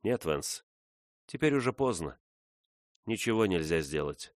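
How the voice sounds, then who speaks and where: A man voicing a young woman, soft and restrained, in a read-aloud story. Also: low-pitched, sing-song, measured pace, no echo, clean studio sound. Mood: sorrowful. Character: young woman, tearful and resolute.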